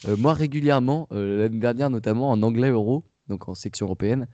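A man's voice: medium pitch, fast, mellow, dry recording, muffled recording. A young man co-hosting a casual chat, talking with many fillers and restarts. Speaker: podcast co-host.

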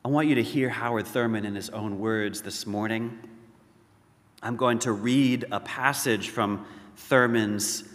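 A man preaching a sermon as pastor, slow and deliberate, swelling to emphatic peaks and dropping to hushed lows. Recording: reverberant hall.

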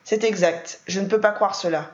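A woman's voice: mid-range voice, steady tone, moderate pace, close to an everyday voice. A woman voicing a stern older wealthy man who speaks curtly and coldly, in a roomy, dull recording. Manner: curt, cold.

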